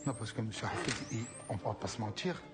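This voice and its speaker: A young actor playing an earnest, eager intern. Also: male voice, lowish voice, animated, fairly quick, music in the background, natural voice.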